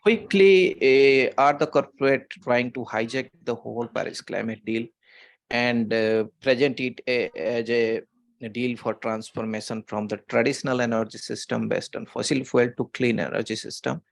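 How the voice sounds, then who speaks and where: Gravelly-voiced man on a video call. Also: medium pitch, normal speed, dry recording. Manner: hesitant, many fillers and restarts. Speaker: panelist. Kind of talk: online panel discussion.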